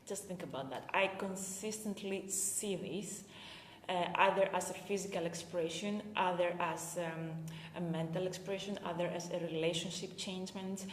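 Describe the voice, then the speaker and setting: Speaking at a moderate pace with a steady tone, a Greek performance coach from Greece addresses her live viewers in accented English, her pitch fairly low. Her delivery is hesitant and packed with filler sounds, heard in an echoey, long-reverb room with slight background noise.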